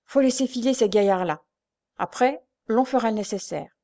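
Woman reading as a shifty rogue guy, rough and curt. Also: fairly high pitch, normal speed, mellow, voice pushed up, natural voice. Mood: scheming. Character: crafty male rogue, son of a beggar.

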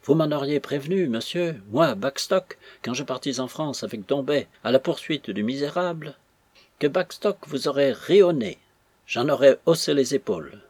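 A man voicing a pompous, blustering old army major, with a husky voice and indignant exclamations. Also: mid-range voice, animated, moderate pace, darkish tone, no echo.

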